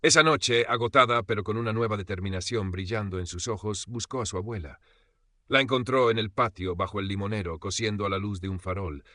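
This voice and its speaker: A man narrating a fiction audiobook in a steady, scripted storytelling manner. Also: on the low side, fairly quick, no echo.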